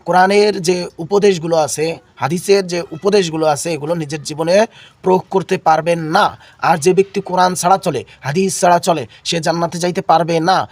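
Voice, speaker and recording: A man whose voice is on the high side and steady leads a Quran reading lesson a little quickly, despite being sick and coughing. It's call and response: he repeats important words and the class echoes them.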